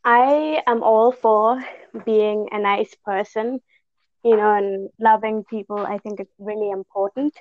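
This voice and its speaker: A woman's voice: mid-range voice, fairly even intonation, measured pace. A woman with a Zimbabwean accent, chatting casually in a frank, lightly amused way. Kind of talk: casual chat. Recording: dull lo-fi app call audio.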